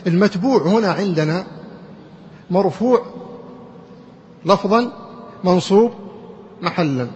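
A man's voice: sits high, lively intonation, a little mellow, slight background noise. Man teaching grammar in an echoing hall. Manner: explains slowly, quizzes students with rhetorical questions. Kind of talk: classroom lecture. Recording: muffled recording in a reverberant hall.

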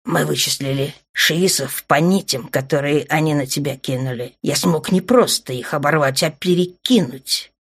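A woman reading as a wounded but playful dark lord, a man who purrs his words low and soft, sometimes nearly whispering. The voice sits deep and hushed, teasing rather than threatening, in the manner of an audiobook character. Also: normal speed, hardly any pauses, slightly rough. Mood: calm. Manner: low, soft and purring, often near a whisper.

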